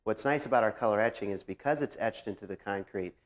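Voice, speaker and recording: A man's voice: on the low side, fast talker. A man giving fluent, assured, rehearsed explanations as a company representative in an interview.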